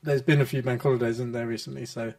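British man, average pitch, casual conversation, hesitant and rambling delivery. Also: flat delivery, fast, darkish tone. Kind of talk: casual chat.

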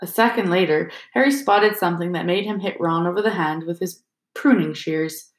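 A woman narrating a fantasy novel as an audiobook, in a steady storytelling manner. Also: on the low side, moderate pace. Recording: roomy echo.

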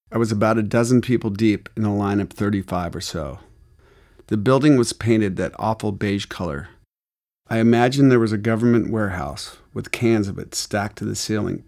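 A man from Arizona narrating a memoir audiobook in a wry, deadpan, gritty way. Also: lowish voice, creaky.

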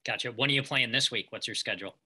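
A man's voice: medium pitch, fast talker, bright, forceful tone, slightly rough. A man hosting a podcast, asking short teasing questions in a casual chat. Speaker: podcast host.

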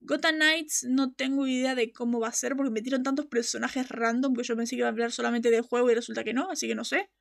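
A woman's voice: a little high, steady tone, fast talker, creaky, few pauses. A woman hosting a casual fan show, talking passionately and emphatically and laughing often. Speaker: podcast host.

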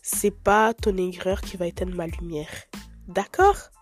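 A woman's voice: on the low side, a little slow, faint music behind. Candid young woman hosting a podcast. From Italy. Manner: candid, expressive, chatty with filler words. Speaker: podcast host. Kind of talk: casual podcast monologue.

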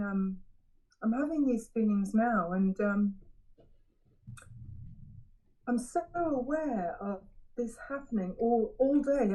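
A woman giving a frank, self-examining personal share at a recovery meeting, halting and often restarting her sentences. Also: fairly high pitch, dark tone, poor audio. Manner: halting, searching for words with frequent restarts. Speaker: member sharing at a recovery meeting. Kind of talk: personal share, candid reflection.

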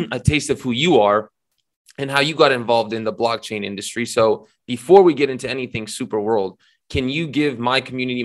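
An excited man hosts a tech interview show from his apartment and speaks directly to his audience. His voice sits in a middle range and is recorded dry, with no room echo. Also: medium pitch. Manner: excited, talks straight to viewers. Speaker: podcast host. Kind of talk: enthusiastic tech interview intro.

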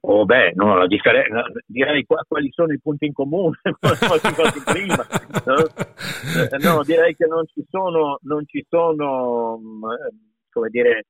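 A man's voice: on the high side, unhurried. A middle-aged man with a Piedmontese accent, a voice actor speaking emphatically in an interview. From Piedmont, Italy. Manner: emphatic, repeats words, animated. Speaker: voice actor guest. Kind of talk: conversational interview. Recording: tinny phone-like call line.

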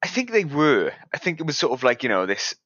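A man's voice: medium pitch, wildly swooping pitch, brisk, a bit bright, dry recording, highs cut off. A man co-hosting a podcast in casual chat, thoughtful and hedging as he talks. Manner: thoughtful, hedging, chuckles often. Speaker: podcast co-host. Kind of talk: casual conversation.

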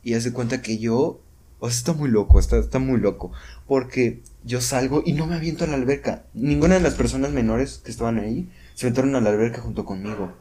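A young man tells a story in a casual podcast chat, full of sound effects and restarts. His voice is husky and dark, mellow rather than bright, and sits at an ordinary pitch for a man. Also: quick pace. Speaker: podcast co-host. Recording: home podcast recording.

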